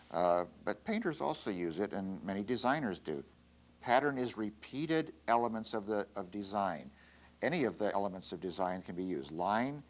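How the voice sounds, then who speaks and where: A middle-aged man with a somewhat low voice gives an art lesson while he demonstrates. He speaks in a relaxed, halting way, often pausing on fillers and restarting his phrases. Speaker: art teacher. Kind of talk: instructional demonstration.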